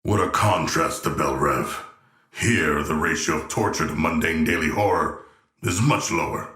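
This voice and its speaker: A male actor voicing a huge, earnest, literal-minded shark-man warrior in a video game, with a deep, gravelly voice and formal, stilted phrasing. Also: normal speed, pushed and bright, no echo, full character voice. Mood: quiet, musing. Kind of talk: video game character voice lines.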